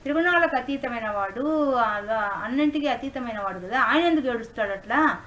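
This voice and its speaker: A woman's voice: high-pitched, animated, a little fast, fairly bright tone, rough recording. A woman spiritual teacher explaining scripture in an online class, mixing in English words.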